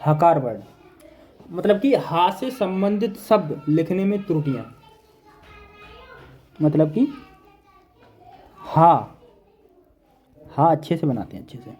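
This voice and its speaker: A man with a fairly high, warm, slightly rough voice teaches Hindi grammar in an online exam-prep class. He speaks slowly and with animation, leaving long pauses. He repeats each point as he writes notes on a board, drilling it in with "देखिए" and "ठीक है".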